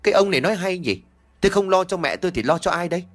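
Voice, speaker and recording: A man's voice: mid-range voice, very animated, fairly quick. A man voicing a greedy, spiteful village daughter-in-law who nags and scolds sharply in a storybook reading. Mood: wailing.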